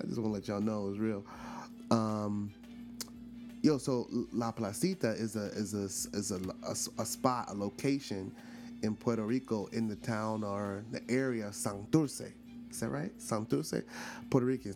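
A podcast host in his forties from Brooklyn, New York, has a lowish, creaky voice. He delivers a casual storytelling monologue, chatty and full of fillers and restarts, and often turns to ask his listeners questions.

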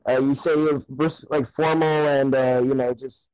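A young man in a casual chat, halting and trailing off. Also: mid-range voice, fairly even intonation, darkish tone, no echo, rough recording. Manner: halting, trails off mid-sentence.

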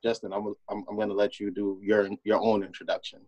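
Male host, conversational and informal, somewhat low voice, dry close sound, repeats words for emphasis. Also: level tone, brisk, a little mellow, no echo. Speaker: podcast host. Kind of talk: casual conversational hosting.

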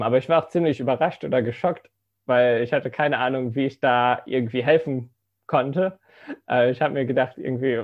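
Heard through lo-fi sound, a mid-range voice belongs to a young man in his twenties who grew up in the Philippines. He's a student ministry intern sharing his testimony softly and hesitantly, with many fillers.

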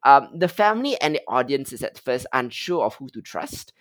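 Casting note: mid-pitched man, measured film recap, dry close sound. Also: very animated, fairly bright tone, no echo. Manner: measured, summarizing with frequent "um". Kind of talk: film review summary.

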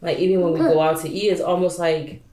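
A woman guest telling stories in a relaxed, casual conversation. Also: on the low side, fast, roomy sound.

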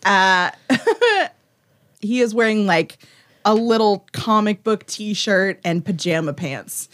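A woman's voice: mid-range voice, very animated, takes it slowly, a bit bright. Woman game master, narrates scenes with frequent laughs. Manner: laughs often while narrating.

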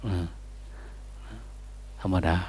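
A man's voice: drawn-out words, a little mellow. An older man, a Buddhist monk, giving an informal dharma talk in an easygoing, chuckling way, now and then breaking into chant to show how it should sound.

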